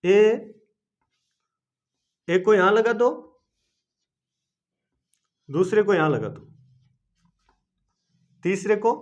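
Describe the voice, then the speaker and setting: Male teacher with a very high voice, self-answering questions, dull lo-fi recording. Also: extremely slow, pauses often. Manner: asks questions and answers them himself; repetitive, coaxing teaching. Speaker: chemistry teacher. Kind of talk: classroom-style video lesson. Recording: dull lo-fi video lesson recording.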